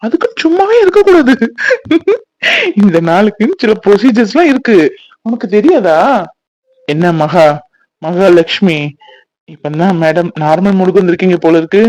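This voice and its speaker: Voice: mid-range voice, a little mellow, dry recording, lightly acted, poor audio. A performer voicing a playful young newlywed husband in a cartoon, teasing and bantering but easily flustered. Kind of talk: cartoon voice acting.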